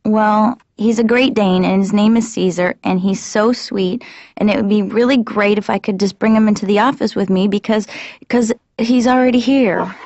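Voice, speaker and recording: An actress voicing a flat, deadpan young office receptionist in an animated sitcom. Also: female voice, medium pitch, moderate pace, highs cut off, lightly acted. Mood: wheedling.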